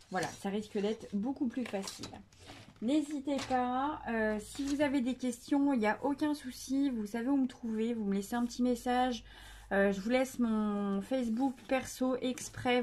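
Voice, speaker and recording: A woman's voice: on the high side, a little mellow. A woman hosting a casual scrapbooking tutorial, chatty and hesitant with many fillers, joking about herself.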